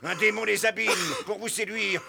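An actor playing a grieving elder who rebukes the crowd, shifting between bitter hushed lines and shouted accusations in a classic stage drama. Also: male voice, sits high, expressive, normal speed, vocal fry, full character voice. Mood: impassioned. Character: grieving elder, friend of the slain brother.

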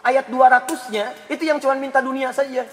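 Man, preacher, high voice, lively sermon with anecdotes, loud emphasis and hushed asides, long hall reverb. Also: fairly quick. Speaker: Islamic preacher.

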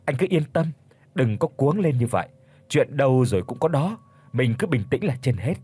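A man voicing a calm, apologetic older gentleman who speaks in a soothing, polite way, with a husky voice. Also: mid-range voice, moderate pace.

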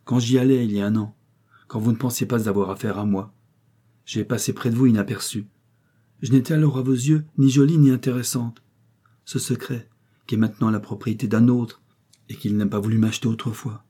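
A man reading aloud and voicing a firm, dignified young widow who speaks calmly and clearly. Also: mid-range voice, brisk, voice pushed up, close to an everyday voice. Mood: accusing.

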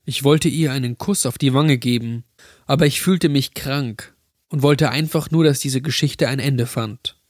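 A man calmly narrating a scripted horror story, recorded close to the mic. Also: medium pitch, a little slow, no room sound.

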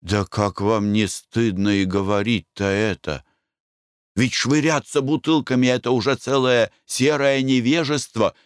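A man's voice: mid-range voice, fairly even intonation, unhurried, clean tone, dry recording, clean studio sound, close to an everyday voice. A man voicing a prim merchant's wife who scolds the others in a proper, reproachful way.

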